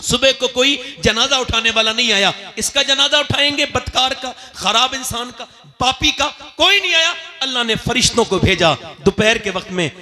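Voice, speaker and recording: A man preaching an impassioned sermon to a gathering, rising into high pleading cries. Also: normal speed, hardly any pauses, sharp tone. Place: religious gathering.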